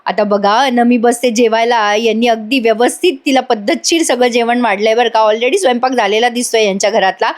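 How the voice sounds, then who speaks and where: Woman, high voice, chatty voice-over recapping a serial to viewers. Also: fairly quick, few pauses. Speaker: serial reviewer.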